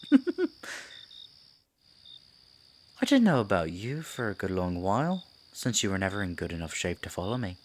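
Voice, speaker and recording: A man playing a sinister, silky Pied Piper in an ASMR roleplay, a theatrical storyteller who coaxes and condescends with deliberate delivery. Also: deep voice, very animated, a little hiss or hum. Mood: silky, condescending. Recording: night insects and forest ambience behind. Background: crickets, night forest ambience.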